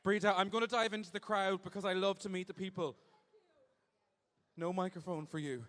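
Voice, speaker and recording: A man's voice: high voice, steady tone, fairly quick, a bit bright. A man hosting a live show, doing playful, campy crowd work with a handheld mic in a large venue. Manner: playful, teasing, camp. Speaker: host. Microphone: handheld microphone. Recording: echoey hall.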